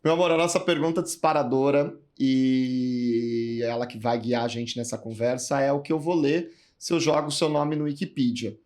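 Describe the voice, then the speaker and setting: A man's voice: medium pitch, fairly even intonation, moderate pace, few pauses, darkish tone. A man in his thirties hosting a podcast interview, playful and effusive with his guest. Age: 30s. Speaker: podcast host. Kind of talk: casual interview.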